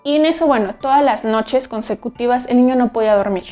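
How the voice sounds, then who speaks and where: A woman psychologist giving an explanatory talk to parents, often checking in with a quick "right?". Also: on the high side, warm tone, soft background music. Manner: explanatory, asks frequent "¿sí?" checks. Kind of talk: educational talk to camera.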